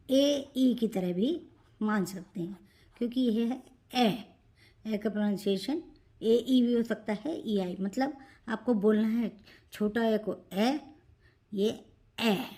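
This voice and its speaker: A woman teaching Hindi pronunciation, saying each vowel sound slowly and repeating it. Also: medium pitch, warm tone. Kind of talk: pronunciation lesson.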